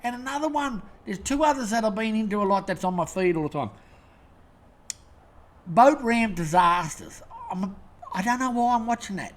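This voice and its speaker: An Australian man with a high voice and lively intonation hosts his own show, speaking at normal speed. He rants angrily to camera, rambling and swearing constantly.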